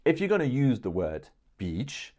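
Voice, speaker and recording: A man with a mid-range, sing-song, slightly mellow voice speaks unhurriedly in English, which isn't his first language. In a talking-head lesson, he patiently explains a point with examples, much like a public speaking coach would.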